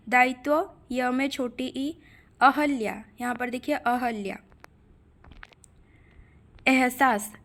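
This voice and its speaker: Female Hindi teacher, slightly high voice, slow and deliberate dictation of spellings. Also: a bit bright. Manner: dictates words slowly, spells them letter by letter. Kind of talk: spelling lesson.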